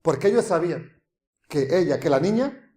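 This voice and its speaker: Male preacher, high voice, lively sermon delivery, mocking crowd impressions, hushed asides, roomy echo. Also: normal speed. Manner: animated, acts out crowd voices with laughter, drops to soft hushed tones.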